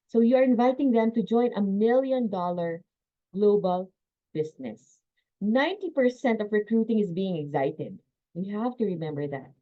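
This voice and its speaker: A woman's voice: mid-range voice, narrow, tinny audio. A woman giving an online sales training lecture, speaking with energy and emphasis and laughing between points. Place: home, on a video call. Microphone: video call.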